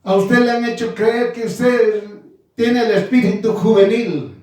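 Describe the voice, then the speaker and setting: A man in his nineties preaching a sermon, slow and emphatic, repeating his phrases. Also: extremely high pitch, fairly even intonation, darkish tone. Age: 90s. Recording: echoey room from far off.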